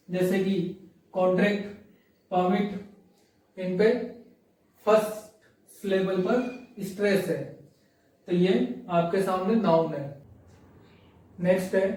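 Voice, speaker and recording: A man with a high, level voice teaches a grammar lesson, reading English rules slowly and then asking and answering his own questions as he goes. His tone is dark and mellow. He sits well back from the microphone in a strongly echoing room. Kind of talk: grammar lesson explaining examples on screen. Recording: very echoey room, voice from a distance.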